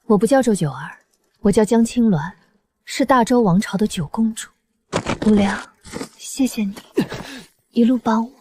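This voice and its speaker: A woman playing a noble, composed and caring young princess in a fantasy martial-arts drama, with a breathy voice. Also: on the high side, moderate pace, pauses often, background noise, lightly acted. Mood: earnest, weary.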